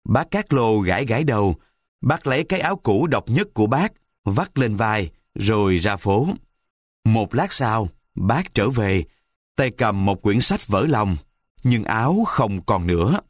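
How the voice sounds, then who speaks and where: Man reading a kids story, really lively and expressive, dry close sound. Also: lowish voice, measured pace, no room sound. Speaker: audiobook narrator. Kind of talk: storybook narration.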